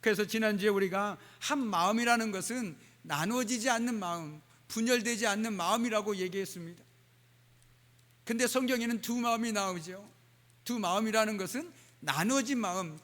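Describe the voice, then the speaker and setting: In a church sanctuary whose hall gives a long reverb, a pastor preaches a sermon in a high, fairly bright voice. He drops in dialect phrases and says "uh" often.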